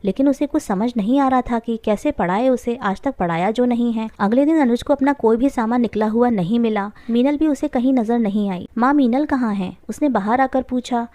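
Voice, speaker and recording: Dry, mellow woman narrating a story. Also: fairly high pitch, moderate pace, hardly any pauses, no echo.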